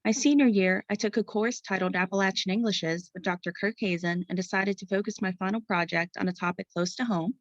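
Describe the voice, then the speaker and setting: A woman's voice: mid-range voice, steady tone, fairly quick, hardly any pauses, no echo. Young American woman presenting, dull dry recording. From Pittsburgh area, United States. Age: young adult. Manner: formal, carefully read-out delivery. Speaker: student researcher presenting a study. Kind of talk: scripted academic presentation.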